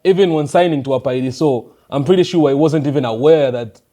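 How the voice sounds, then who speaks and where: Brief: young Zambian man, slightly high mellow voice, relaxed interview guest. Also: a little fast. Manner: relaxed, mixes English and local language, many fillers. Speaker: rapper guest. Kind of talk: casual interview chat.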